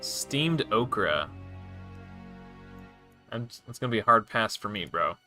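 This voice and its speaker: A man's voice: on the low side, fast, pushed and bright, soft background music. A man streaming live and casually commenting on his gameplay, rambling with frequent restarts and self-corrections. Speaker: game streamer.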